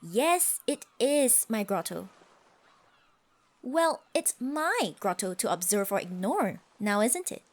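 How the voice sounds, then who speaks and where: A woman is wanted to voice a proud tsundere sea siren for an ASMR roleplay monologue, using a high, very animated, imperious and huffy voice. The haughty creature is secretly smitten, scoffing and stammering when flustered, and speaks in archaic, formal phrasing.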